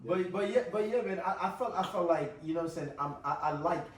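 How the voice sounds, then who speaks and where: A man with a high voice argues his side like a barbershop debater, repeating phrases as he defends himself in casual slang. The recording is very echoey and distant. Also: quick pace, very noisy. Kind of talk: casual group banter with slang. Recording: very echoey room, distant mic.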